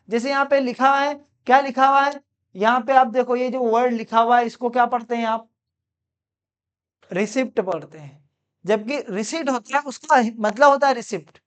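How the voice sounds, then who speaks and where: A man's voice: very high voice, fairly bright tone, clear, resonant tone. A man teaching English pronunciation. He quizzes his listeners and repeats each word several times, with playful teasing asides. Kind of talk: spoken pronunciation lesson.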